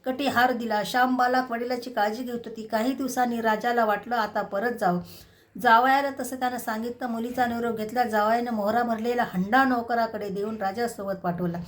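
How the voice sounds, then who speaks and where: A middle-aged woman narrating a devotional tale in a steady, measured reading voice. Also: on the high side. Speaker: storyteller.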